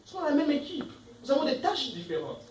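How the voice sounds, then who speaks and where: A man's voice: extremely high pitch, huge pitch swings, quick pace, darkish tone, echoey room, far from the mic, slight background noise, poor audio. A man preaching a sermon as pastor, emphatic, asking the congregation questions and reading verses aloud. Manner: reads scripture verses aloud between comments. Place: church.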